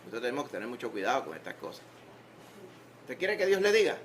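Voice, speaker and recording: A faint hiss or hum sits under this man's medium-pitched voice, which swings widely in pitch at a quick pace. He's a pastor with a Puerto Rican Spanish accent giving a conversational, humorous sermon in a church sanctuary, posing rhetorical questions.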